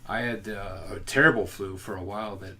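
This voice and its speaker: A man's voice: on the low side, fairly even intonation, brisk, crowd noise. A man co-hosting a casual home podcast, rambling with many fillers and restarts. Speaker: podcast co-host. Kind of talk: casual chat.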